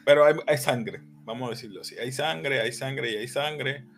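A man, co-hosting a casual anime discussion, talking in an excitable, rambling way and dropping in English words. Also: medium pitch, normal speed. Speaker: co-host.

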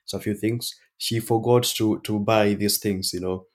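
A Kenyan man speaks as a podcast guest, telling his story with many restarts and fillers. His voice sits low and stays flat, with little rise and fall. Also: unhurried. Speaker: startup founder guest. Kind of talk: casual podcast interview.

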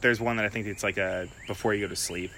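A man talking in a relaxed, rambling way in a casual podcast chat, swearing now and then. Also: on the low side, quick pace, vocal fry, crowd noise.

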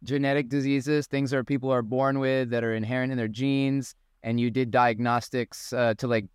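Male podcast host, chatty and curious, clear resonant voice, dry close sound. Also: mid-range voice, little pitch movement, moderate pace, no echo. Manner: chatty, curious, with many fillers. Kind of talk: casual interview conversation.

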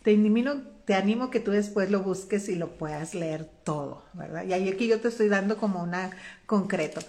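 A woman's voice: medium pitch, brisk. A woman giving a conversational Bible teaching, retelling the story folksily and tagging her sentences with little checks to the listener. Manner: folksy, constantly adds "¿verdad?"; expressive retelling with quoted voices.

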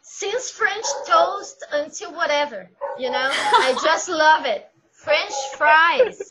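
A woman hosting a casual podcast chat, playful and quick to laugh. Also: high-pitched, lively intonation, a crowd in the background, low-quality recording. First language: Portuguese. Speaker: podcast host.

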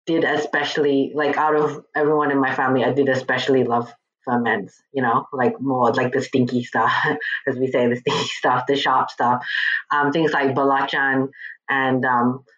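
A woman in her forties from Malaysia, chatting casually as an interview guest, with many fillers and quick asides. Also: very deep voice, flat delivery, a bit bright. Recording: dull lo-fi audio.

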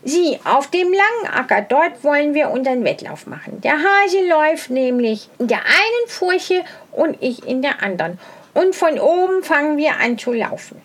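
A woman voicing a crafty, stubborn male hedgehog who talks in a brisk, self-assured way in a storybook reading. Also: high voice, sing-song. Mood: bossy.

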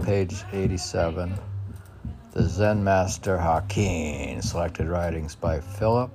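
A low-pitched man with vocal fry reads his own poems aloud. Muttered asides fill the gaps between lines, and he often repeats phrases.

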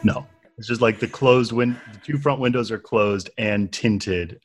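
A man narrating a tabletop game as game master, relaxed and playful. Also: fairly low pitch, unhurried, soft background music.

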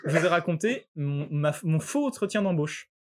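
A man from France telling a crude, animated anecdote in casual chat, acting out voices as he goes. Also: a little high, moderate pace. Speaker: storyteller in a podcast chat.

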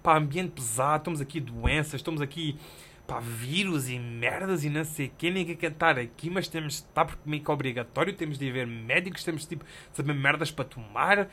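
A young man with a European Portuguese accent, telling a story on his solo podcast in animated, slangy and self-mocking casual chat. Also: on the high side, fairly quick, slight background noise. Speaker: podcast host.

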